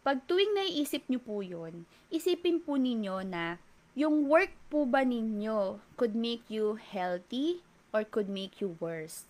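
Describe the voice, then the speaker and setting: A woman with a Filipino accent and a fairly high voice, speaking as a fitness trainer to an audience. She talks politely and keeps checking in with rhetorical questions. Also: lively intonation, slow, a little mellow. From Philippines. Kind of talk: talk to an audience.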